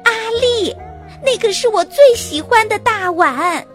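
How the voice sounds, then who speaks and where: Woman doing a gentle mother bear. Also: fairly high pitch, lively intonation, slow, faint music behind. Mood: shocked. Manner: soft, soothing, reassuring. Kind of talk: children's story reading.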